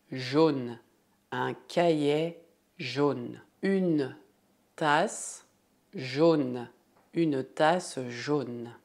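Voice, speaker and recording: A woman teaching French in a lesson, saying each word twice and slowly drilling repeat-after-me examples. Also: sits low, darkish tone.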